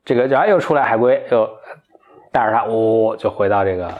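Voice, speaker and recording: A man's voice: on the low side, brisk, phone-quality sound. A man casually retelling a folk tale to a friend, lightly voicing the characters and laughing along. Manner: chatty, voices the characters lightly, laughs at the story. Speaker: storyteller.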